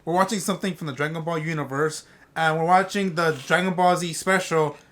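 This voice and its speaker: A man's voice: on the high side, fairly even intonation, a little fast, fairly bright tone. A young man hosting a casual commentary track, talking in loose, rambling sentences full of restarts. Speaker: commentary host. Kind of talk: casual chat.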